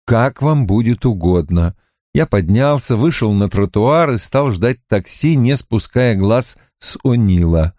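A man's voice: medium pitch, mellow, no echo. A man narrating an audiobook in the first person, dry and wry in tone.

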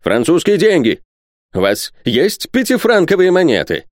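A man voicing an excitable, fussy old professor who shouts his demands. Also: on the high side, normal speed, no room sound, studio quality, pitched above the performer's own voice. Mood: shouting. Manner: shouting, insistent.

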